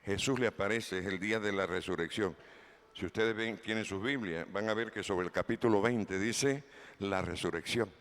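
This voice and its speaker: A pastor with a lowish, slightly bright voice preaches a sermon at a moderate pace, reading scripture aloud and putting questions to the congregation. He is in a church hall, and the recording has a long hall reverb.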